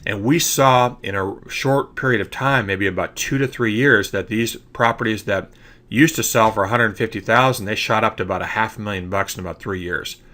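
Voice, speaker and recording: Congested from allergies, a man with a lowish, sharp voice walks through trading ideas at a moderate pace in a screen-recorded slide lecture. As a trading educator, he keeps checking in with "okay?".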